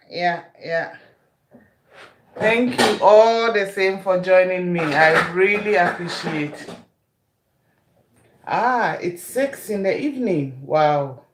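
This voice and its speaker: Ghanaian woman, livestream cooking host, slow and friendly, greets each viewer, roomy echo. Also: on the low side, background noise. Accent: Ghanaian English. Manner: greets viewers one by one, calling them "my dear". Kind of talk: casual livestream chat with viewers.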